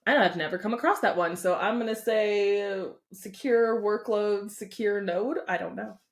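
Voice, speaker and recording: A woman guest in a casual interview, candid and quick to laugh. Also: mid-range voice. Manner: animated, candid, laughs freely.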